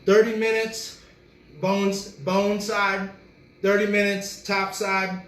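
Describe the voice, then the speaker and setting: Male cooking-show host, relaxed and chatty, slightly high voice, recorded at a distance in an echoey room. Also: slow pace, a little hiss or hum. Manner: talks while chewing, relaxed and chatty. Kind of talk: casual cooking video chat.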